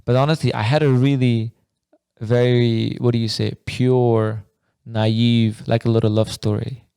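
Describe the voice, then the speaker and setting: A man's voice: mid-range voice, little pitch movement, measured pace, creaky, warm tone, smooth, no echo, clean studio sound. A man in his twenties, from Afghanistan, co-hosting a podcast in casual chat, laughing often and telling stories in loose slang. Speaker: podcast co-host.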